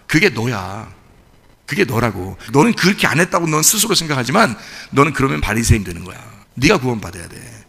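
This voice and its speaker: A man's voice: on the high side, vocal fry, pushed and bright, big-room sound. A man, a pastor, preaching a sermon in a conversational way, often asking the congregation questions.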